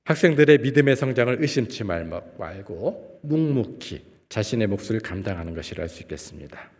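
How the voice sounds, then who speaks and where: A man preaching a sermon in a church, asking the congregation questions and swinging between loud and soft phrases. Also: medium pitch. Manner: asks the congregation rhetorical questions. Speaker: guest preacher, professor. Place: church sanctuary. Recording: long church-hall reverb.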